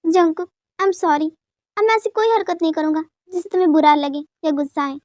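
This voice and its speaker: A woman's voice: very high-pitched, fairly quick, dry recording, studio quality. A woman voicing a young husband who keeps apologising and coaxing his angry wife, in a dubbed fan story. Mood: pleading. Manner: coaxing, soft begging. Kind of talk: dubbed fan story, all voices by one reader.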